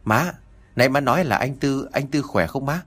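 A man voicing a gentle, dutiful young wife. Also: medium pitch, moderate pace, natural voice. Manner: gentle, dutiful, forced cheer. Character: young wife hiding her unhappiness.

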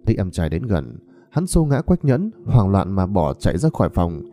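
A man telling a ghost story in a dramatic, expressive narration. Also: low-pitched, normal speed.

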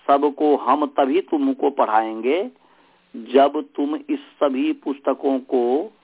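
A man teaching a group over a call, telling a story in a slow, measured way while his voice breaks up and cuts out on the line. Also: mid-range voice. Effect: voice breaking up and cutting out on the call line. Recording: tinny, dropping-out phone line.

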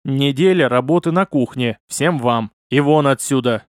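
A man voicing an irritable old archmage rector in an audiobook, gruff and barking. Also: fairly high pitch, big pitch swings, normal speed, darkish tone, no echo, clean studio sound, voice pushed up. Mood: stern.

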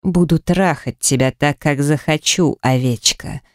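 A woman voicing a dominant, mocking male beast shifter in an audiobook, with a slow, commanding, sneering delivery. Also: low-pitched, no room sound, clean studio sound. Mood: harsh.

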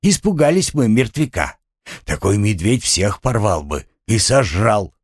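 A man's voice: lowish voice, very animated, a little slow, no room sound, studio quality. Man doing a meek servile orderly. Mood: meek deferential. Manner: meek, servile, slightly sly. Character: timid simple male orderly, deferential.

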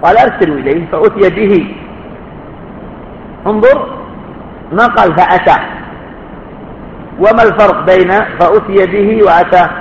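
A man's voice: sits high, expressive, a little fast, gravelly, long pauses, slight background noise. A man teaching a religious lecture to students, emphatic and fond of rhetorical questions, sometimes calling on listeners to answer. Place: lecture hall at a study course. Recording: echoey, dull lo-fi hall recording.

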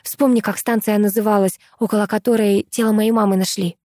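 A woman's voice: medium pitch, fairly even intonation, brisk, dark tone, no echo, studio quality, natural voice. A woman voicing a feverish, secretive young woman in an audiobook. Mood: excited. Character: excited scheming young woman.

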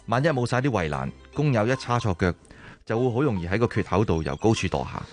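A calm safety expert in a radio play who explains rules in a steady, instructive way. His voice sits somewhat low and even. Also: quick pace, soft background music. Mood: warning. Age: young adult. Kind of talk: radio drama acting.

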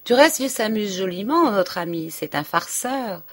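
A woman voicing a cheerful, oblivious provincial husband in an audiobook, exclaiming loudly and heartily. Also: mid-range voice, expressive, a little slow. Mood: hearty chatter. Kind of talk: audiobook character reading.

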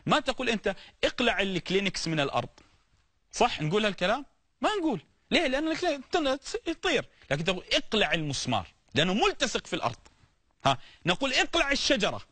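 A man preaching a sermon on the prophets, animated and explanatory, often urging the listener to listen and giving everyday examples. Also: sits high, no echo.

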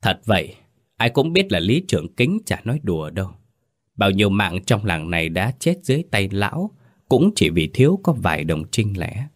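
A man's voice: lowish voice, big pitch swings, moderate pace, dry recording, studio quality. A man giving dramatic, scripted narration of a horror story.

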